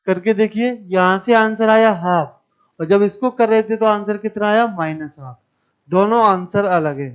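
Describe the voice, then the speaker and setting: High clear-voiced male math teacher. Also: dull audio. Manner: explains step by step, questions the class. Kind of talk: classroom lecture.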